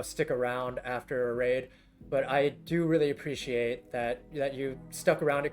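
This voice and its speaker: Worn down and scratchy after hours on air, this young man's mid-range voice carries a halting, filler-heavy ramble as he talks with his stream's viewers during a game.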